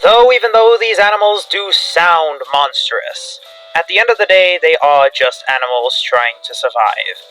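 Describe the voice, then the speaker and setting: Over background music, a man delivers scripted analog horror narration styled as a field briefing, grave and dramatically instructional. His slightly high voice is animated and unhurried, bright and forceful, though the recording is rough.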